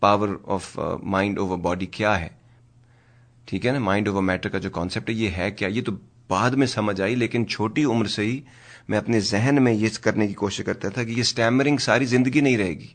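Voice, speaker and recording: A man's voice: on the low side, fairly bright tone. A man hosting a talk radio show, speaking earnestly and in a preachy way, and often slipping English phrases into his talk. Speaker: radio host.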